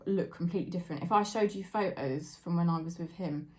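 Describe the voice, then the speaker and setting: A woman's voice: fairly low pitch, fast. A woman giving a daily tarot reading to camera, talking in a chatty, heartfelt way about spirit guides and loved ones. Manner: chatty and warm-hearted, tearful and laughing at times. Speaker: tarot reader.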